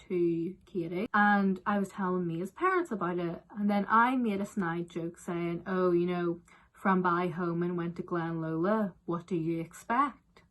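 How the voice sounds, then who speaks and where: A young woman with a Northern Irish accent chatting casually through viewer questions, with lots of fillers. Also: on the low side. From Northern Ireland. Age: young adult. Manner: chatty, animated, frequent "like" and "um" fillers. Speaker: vlogger answering viewer questions. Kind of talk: casual Q&A chat.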